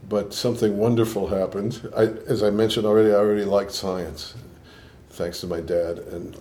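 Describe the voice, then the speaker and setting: An older man, a scientist from Boston with a Boston and New York accent, reflects on his life in interview answers that are thoughtful and often restarted. His voice is on the low side and dark, with fairly even intonation at normal speed.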